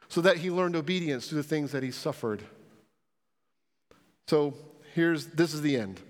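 A man preaches slowly and earnestly, pressing his listeners with pleading questions. His voice sits slightly high for a man. The sound carries the long echo of a large church hall. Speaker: pastor. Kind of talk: sermon. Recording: reverberant hall.

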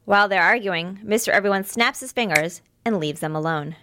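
A woman's voice: mid-range voice, fairly quick, pushed and bright. A woman narrating an amateur audio drama in a plain, matter-of-fact way.

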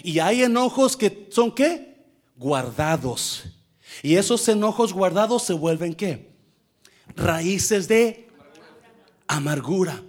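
A man preaching a sermon to his church, animated, acting out what people say in shifting voices and dropping in English fillers. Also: sits high, slow, pauses often. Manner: animated, acts out quoted speech in shifting voices. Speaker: pastor.

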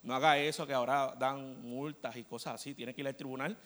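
A man's voice: mid-range voice, a little fast. A man preaching a storytelling sermon in a church, often checking in with the congregation. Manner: animated storyteller, asks the congregation "¿verdad?". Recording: long church hall reverb.

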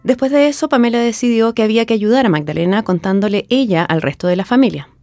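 A woman narrating a scripted documentary story in a calm, measured way. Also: fairly high pitch. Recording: faint music behind.

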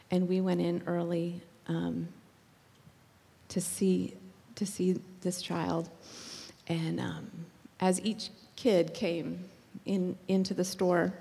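Woman, gravelly mellow voice, gentle reflective panelist, long hall reverb. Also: fairly low pitch. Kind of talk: church panel talk.

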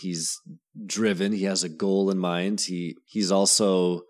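Male podcast guest, lowish voice, rambling and fond, quick to apologize. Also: flat delivery. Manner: rambling, fond, self-deprecating. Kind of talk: casual podcast chat about a movie.

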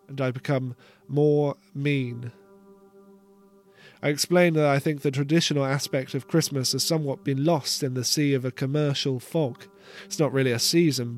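A man reading a first-person story aloud with a measured, wry delivery. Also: medium pitch. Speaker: narrator.

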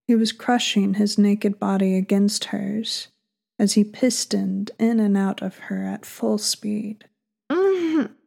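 A woman author reads her own erotic fiction at an unhurried, lingering pace. Her voice is mellow and dark, with a gravelly fry running through it. She slips into breathy whispers in places. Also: mid-range voice. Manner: slow, breathy, sultry reading that sometimes drops into a whisper. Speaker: author and co-host. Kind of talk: reading an erotic story aloud.

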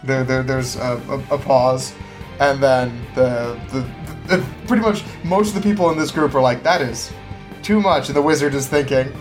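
A man's voice: medium pitch, fairly even intonation, moderate pace, faint music behind. A man narrating a tabletop game as game master, rambling with many fillers and restarts.

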